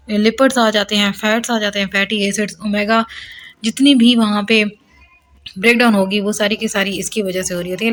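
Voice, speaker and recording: Woman teaching biology in a quick lecture. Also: fairly high pitch, a little hiss or hum. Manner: explanatory, asks and answers own questions; mixes English terms into Hindi. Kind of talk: whiteboard lecture.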